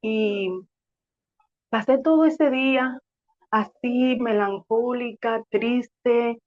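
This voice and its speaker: A woman's voice: a little high, drawn-out words, lo-fi sound. A woman sharing a personal faith testimony in an earnest, reflective way, sometimes restarting her words. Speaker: testimony speaker.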